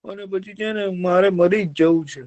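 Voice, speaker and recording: A man's voice: sits high, steady tone, moderate pace, a little mellow, dry recording, dull audio, pitched above the performer's own voice, close to an everyday voice. A man voicing a crafty male fox in a children's story who fakes sobs and whines for sympathy. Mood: self-pitying. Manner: wailing, self-pitying. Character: sly sobbing male fox, scheming and whiny.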